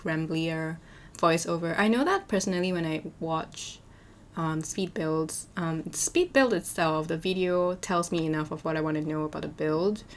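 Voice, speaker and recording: A young woman with a hoarse voice, chatting and rambling as a voiceover for her game building video, full of fillers and restarts. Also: lowish voice, slight background noise. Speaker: Sims speed-build YouTuber.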